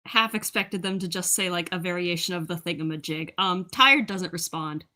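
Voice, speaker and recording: A woman's voice: fairly low pitch, normal speed, bright, forceful tone. A woman playing in a tabletop role-play, laughing often as she talks. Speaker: player.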